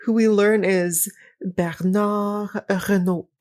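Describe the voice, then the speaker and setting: A woman co-hosting a podcast in a casual chat, wry and quick to laugh. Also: medium pitch, steady tone, darkish tone. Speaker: podcast co-host.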